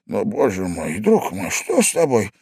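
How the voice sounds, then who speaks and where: A man voicing a flustered, excitable old husband who shouts and stamps in panic. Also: on the low side, measured pace, husky, voice pushed down, full character voice. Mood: frantic. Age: older.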